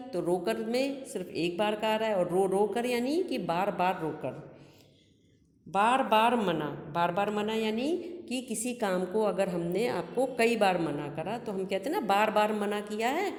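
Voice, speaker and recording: A woman's voice: medium pitch, animated, unhurried, a little mellow. A woman teacher giving a recorded grammar lesson, patiently explaining each example twice. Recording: echoey room with long reverb.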